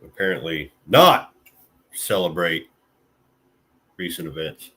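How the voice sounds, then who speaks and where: A very low-voiced man from Illinois chats with his stream viewers in a loose, rambling way. His talk is full of fillers and the odd curse. He sounds close to the mic. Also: expressive, slow pace, sharp tone, husky. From Illinois, USA. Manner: laid-back, rambling, with many fillers and mild swearing. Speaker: vlogger chatting with live viewers. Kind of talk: casual live-stream chat.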